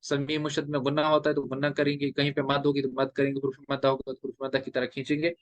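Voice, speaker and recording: A male teacher explaining recitation rules step by step, drawing out letters in slow chanted examples. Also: medium pitch, monotone, muffled recording. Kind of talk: classroom lecture on recitation rules.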